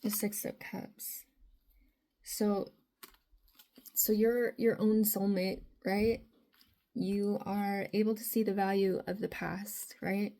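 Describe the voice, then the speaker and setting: A woman with a raspy, mellow voice talks through a tarot reading for her viewers. She keeps a narrow, even pitch and wanders from thought to thought with lots of filler. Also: slow. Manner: rambling, frequent filler phrases. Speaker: tarot reader.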